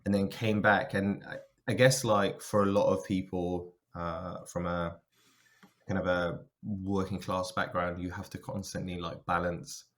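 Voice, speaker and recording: This podcast guest, a linguist who also works as a software engineer, recounts his career in a relaxed interview, musing aloud as he speaks. His voice sits low with little pitch movement, and he talks a little slowly.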